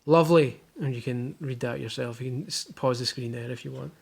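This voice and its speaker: In his living room, a young Scottish vlogger unboxes a baby box and chats casually, dropping dry, jokey asides. His mid-range voice is fairly quick, creaky, slightly rough and darkish in tone.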